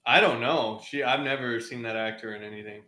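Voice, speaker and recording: A young man co-hosts a casual gaming podcast in a bright, mid-pitched voice. He is laid-back and easygoing, peppering his talk with "dude" and "like". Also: brisk. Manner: laid-back, laughs often, says "dude" and "like". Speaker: podcast co-host. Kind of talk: casual chat.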